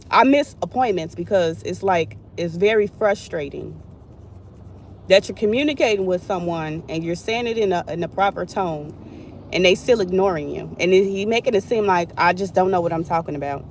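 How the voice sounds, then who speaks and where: A woman's voice: fairly low pitch, a little fast, a little mellow. Young woman, blunt and fed-up, cursing as she vents to camera from a car with road noise behind. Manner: frustrated, blunt, swears freely. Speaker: vlogger. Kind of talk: casual venting vlog.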